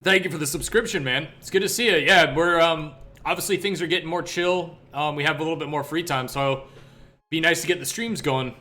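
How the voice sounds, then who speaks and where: A man's voice: a little high, a little fast, pushed and bright. A young man streaming live, chatting loosely with viewers and laughing easily, heard through a livestream headset microphone. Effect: livestream headset audio. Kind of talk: casual live-stream chat.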